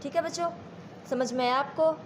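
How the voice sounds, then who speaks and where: A woman's voice: sits high, slight background noise. A woman teacher with an Indian accent giving a classroom lesson, repeating points and asking the students if they follow. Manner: slow and repetitive, checks understanding with questions.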